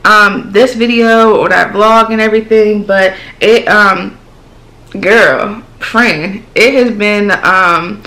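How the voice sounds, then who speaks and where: Slow and medium-pitched, the voice belongs to a twenty-something beauty vlogger whose speech is altered as she heals from throat surgery. Sitting in a small room with shelves of products, she talks casually and animatedly, addressing viewers as "y'all" and "girl." The audio is poor.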